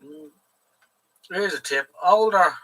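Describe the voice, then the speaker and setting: High-pitched and sharp, the Irish host takes his time as he rambles through casual livestream chat, swearing freely. His voice sounds a bit far from the mic.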